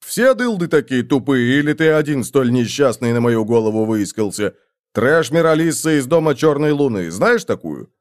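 A man's voice: mid-range voice, lively intonation, normal speed, close to an everyday voice. A man voicing a rude, cocky tiny male fairy messenger who snaps out insults. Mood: scornful. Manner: snappy, insulting.

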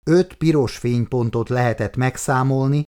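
A man reading an audiobook aloud in a calm, measured storytelling manner. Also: mid-range voice, clean tone. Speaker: audiobook reader. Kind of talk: scripted narration.

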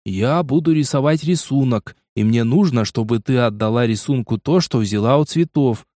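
A man's voice: mid-range voice, moderate pace, warm tone, no room sound, studio quality, close to an everyday voice. A man playing an impatient, exasperated young game player in a storybook reading. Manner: blunt, exasperated questioning.

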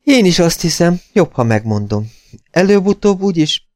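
A man's voice: fairly high pitch, big pitch swings, darkish tone, no echo, studio quality, voice pushed up. Man voicing a grave, reluctant man. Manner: hesitant, subdued. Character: grave middle-aged man, reluctant and sorrowful.

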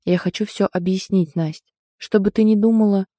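A woman voicing a remorseful young man in an audiobook, speaking softly and apologetically. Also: medium pitch, fairly even intonation, normal speed, dry recording, studio quality, lightly acted. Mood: apologetic. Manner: soft, apologetic. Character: guilty young man, soft-spoken and remorseful.

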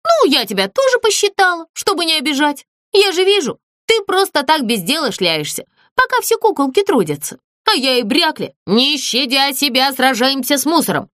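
A woman voicing a boastful, bossy girl doll in a squealing, teasing high voice. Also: sing-song, moderate pace, hardly any pauses, a bit bright, dry recording, studio quality.

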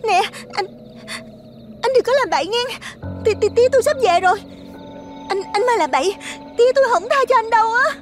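A man's voice: very high-pitched, lively intonation, brisk, soft background music, voice pushed up. A man doing a sobbing, terrified young woman. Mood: pleading. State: crying.

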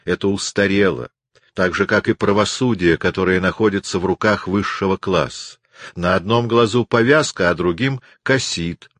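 A man's voice: sits low, normal speed, fairly bright tone, dry recording. A man voicing a self-assured young man in an audiobook, insistent and lecturing. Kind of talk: audiobook reading.

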